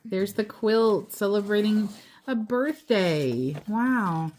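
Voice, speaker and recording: With a medium-pitched, darkish voice, a woman storyteller reads a children's book aloud. She goes slowly and deliberately, pausing after short phrases and adding casual comments.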